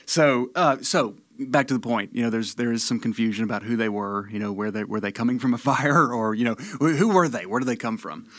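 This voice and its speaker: A man's voice: medium pitch, no room sound, studio quality. A man from Tennessee with a Tennessee accent, hosting and teaching the Bible in a casual storytelling way, often repeating words.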